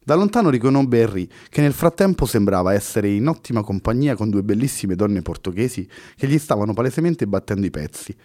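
A man narrating a novel as an audiobook in a measured storytelling manner. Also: on the low side, expressive, mellow, no echo, studio quality. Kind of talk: scripted narration.

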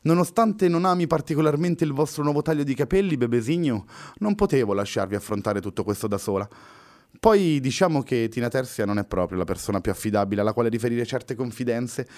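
A man's voice: low-pitched, fast talker, few pauses, no room sound, studio quality, natural voice. A man reading a story aloud, voicing a cheerful, wry male poet who rescues the others. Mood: upbeat. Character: poet hero, upbeat and ironic.

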